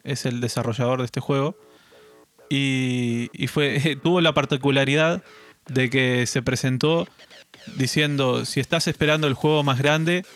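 A man co-hosting a casual gaming news chat, relaxed and hesitant, often repeating words as he talks. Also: medium pitch, unhurried.

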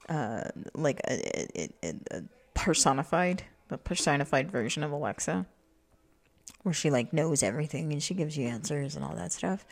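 Woman rambling away in a podcast, lowish voice, lots of ums and restarts. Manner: meandering, many fillers and restarts; acts out quoted voices with jumps in pitch. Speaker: podcast host. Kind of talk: rambling casual monologue.

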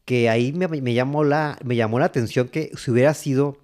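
A man with a Mexican accent giving casual, rambling commentary, halting and repeating words. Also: medium pitch, a little mellow. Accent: Mexican Spanish. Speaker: host. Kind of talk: casual commentary on old cartoons.

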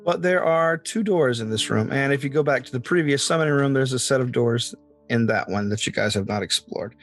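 A man running a tabletop game as game master, describing rooms in an unhurried way with many fillers. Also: mid-range voice, fairly bright tone, soft background music.

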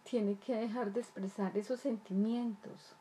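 A child development speaker gives an earnest, explanatory talk to parents about raising children, repeating phrases and posing rhetorical questions. Her mid-range voice is dark in tone, unhurried, and fairly even in intonation, with a little hiss or hum.

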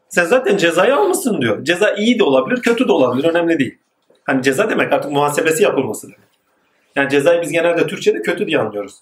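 A man giving a spoken religious lecture, rising emphatically and then dropping to low asides. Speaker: religious teacher. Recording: echoey room with faint noise.

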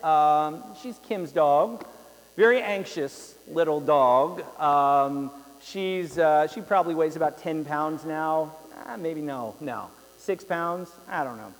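A man's voice: on the high side, slow pace. A young male pastor preaching a sermon, telling rambling stories with lots of fillers and repeated words. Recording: long hall reverb.

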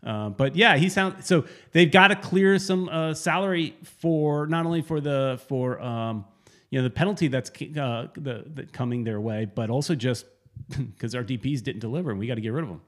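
A man co-hosting a casual sports podcast, rambling and correcting himself as he talks, with sudden animated bursts. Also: mid-range voice, moderate pace. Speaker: podcast co-host.

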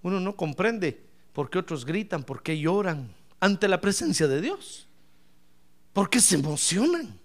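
A male pastor preaching a lively sermon, asking the congregation questions and swinging from shouts to soft asides. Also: high-pitched, a little slow. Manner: animated, playful, asks the congregation questions; bursts into shouts then drops to soft asides.

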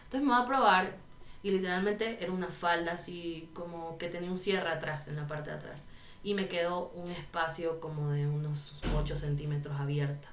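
A woman from Ecuador, a podcast guest, chatting casually and telling a lively story while acting out the voices she quotes. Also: on the low side, moderate pace, slight background noise. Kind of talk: casual chat. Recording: roomy echo.

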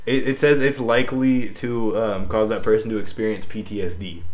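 A man's voice: on the low side, fairly even intonation, fairly quick. A young man in casual conversation with friends, talking in a laid-back, slangy way with some swearing. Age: young adult. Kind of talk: casual chat among friends. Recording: roomy, echoing sound.

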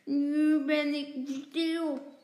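A woman voicing an excited small boy in a children's storybook, with a high, drawn-out, blurting voice. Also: gravelly, slight background noise, exaggerated voice. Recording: roomy, echoey sound.

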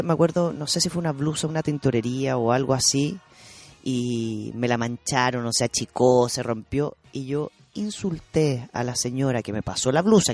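A woman's voice: a bass voice, darkish tone, dry recording. A woman with a Chilean accent telling a personal story in casual conversation, emotional and self-revealing, repeating words for emphasis. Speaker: podcast guest sharing a personal story.

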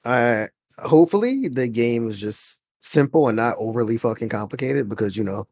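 Young man, animated and emphatic, heavy swearing, casual fan chat with little room sound. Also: mid-range voice, normal speed, dry recording, studio quality. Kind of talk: casual group chat about anime and games.

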